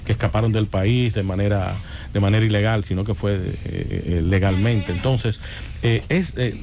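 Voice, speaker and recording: A man's voice: lowish voice, normal speed, a little mellow, a little hiss or hum. A man from the Republic, a radio interview guest who explains his points through examples. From Dominican Republic. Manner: explanatory, builds arguments with examples. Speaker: guest analyst.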